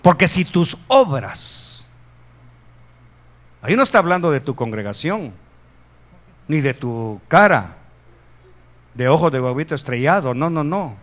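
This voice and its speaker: Guatemalan preacher, high male voice, lively sermon with punchy emphatic peaks and humorous asides. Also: unhurried, pauses often. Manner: animated preaching, rising loud for emphasis, joking asides. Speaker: pastor.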